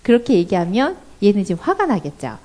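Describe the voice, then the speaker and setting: A woman's voice: mid-range voice, wildly swooping pitch, brisk, dark tone. A woman professor giving a parenting seminar in a church hall, asking the audience questions and acting out the voices of parents and children. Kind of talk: lecture to an audience.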